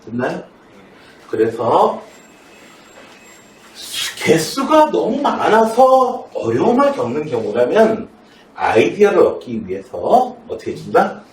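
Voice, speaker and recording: A man's voice: on the high side, a little hiss or hum. A middle-aged man teaching math in a classroom and telling a story, chatty and often asking students questions, recorded from a distance in an echoey room. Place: academy classroom in Seoul.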